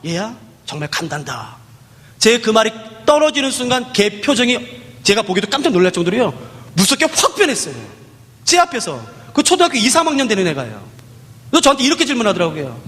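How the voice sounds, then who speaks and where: A man's voice: extremely high pitch, big pitch swings, quick pace, a bit bright, long reverb tail. A man preaching a sermon, telling a story with acted dialogue and dramatic rises and falls.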